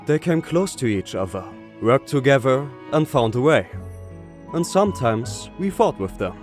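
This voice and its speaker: A man's voice: mid-range voice, big pitch swings, normal speed, faint music behind, lightly acted. A man playing a wise, patient old professor in a manga dub, explaining things philosophically. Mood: thoughtful.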